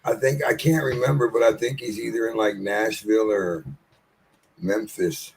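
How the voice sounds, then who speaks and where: A man's voice: fairly low pitch, fairly even intonation, normal speed, a little hiss or hum, rough recording. A man in his late forties hosting a casual interview, laid-back and encouraging, with frequent swearing. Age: 40s. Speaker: podcast host interviewing. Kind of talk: casual chat.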